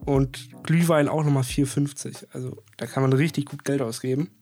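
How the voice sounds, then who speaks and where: A man in his twenties co-hosting a podcast, chatting casually with dry, deadpan humor while getting over a cold. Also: mid-range voice, moderate pace, faint music behind. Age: 20s. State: has a cold. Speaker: podcast co-host. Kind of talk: casual chat.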